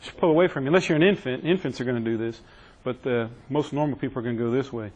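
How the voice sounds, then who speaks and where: A man's voice: medium pitch, racing, a little mellow, muffled recording. Man, EMS instructor, conversational teaching, joking with the class. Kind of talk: classroom training lecture. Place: training classroom.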